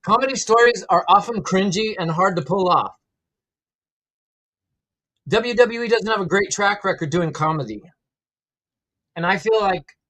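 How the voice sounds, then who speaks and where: Higher-voiced man chatting on a livestream. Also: bright, forceful tone, poor audio. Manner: opinionated, conversational, reads out and answers chat comments. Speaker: livestream host reacting to wrestling. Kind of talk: casual live-stream commentary, chatting with viewers.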